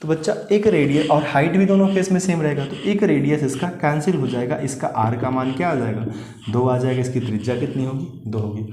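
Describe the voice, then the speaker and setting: In a brisk, warm, medium-pitched voice, a male maths teacher guides exam students through volume problems step by step in an exam-prep lesson. He often poses a question and answers it himself, repeatedly addressing his students as "children." The room echoes, with a little hiss or hum.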